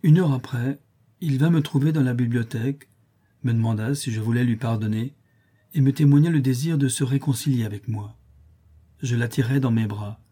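A man reading a novel aloud as narrator, in a steady, measured storytelling manner. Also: medium pitch, husky. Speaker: audiobook narrator. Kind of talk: scripted narration.

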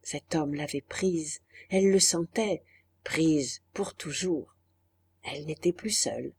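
Slow mellow woman reading a novel. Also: sits low, breathy edge. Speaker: audiobook narrator. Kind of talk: literary audiobook narration.

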